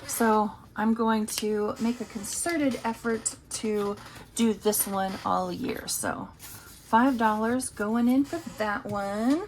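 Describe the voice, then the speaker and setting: A woman's voice: fairly high pitch, slow, a little hiss or hum. A woman casually talking through her savings challenges, chatty and thinking aloud as she counts. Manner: chatty, talks to herself while counting. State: has the hiccups. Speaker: budgeting vlogger.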